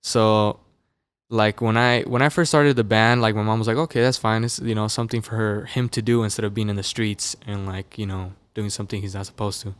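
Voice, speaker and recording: Relaxed young man, low smooth voice. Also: brisk, dry recording. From Las Vegas, USA. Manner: relaxed, loose, filler-heavy storytelling. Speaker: musician guest. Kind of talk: casual interview chat. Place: podcast studio. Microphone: dynamic studio mic.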